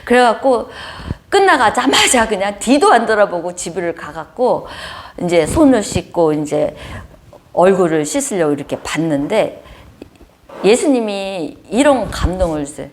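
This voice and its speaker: Animated woman preaching with lively pitch. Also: normal speed. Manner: animated storytelling with frequent laughter. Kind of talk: sermon.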